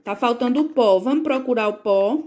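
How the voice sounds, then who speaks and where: Woman, teacher, patient, slightly high voice, home lesson, phone recording. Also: normal speed, darkish tone. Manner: patient, checks in with "certo?" and "né?".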